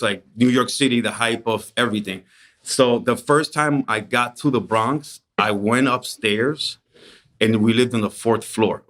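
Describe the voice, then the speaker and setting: A middle-aged painter from the Dominican Republic, speaking in a mid-range voice, guests on a podcast. In a casual storytelling interview, he recalls his childhood in a relaxed, reflective way.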